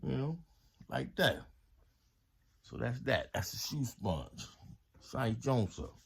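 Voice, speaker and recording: A vlogger casually shows off home products in a haul video, addressing his viewers in a laid-back, slangy way. His medium-pitched voice is sing-song, slow and creaky, with slight background noise.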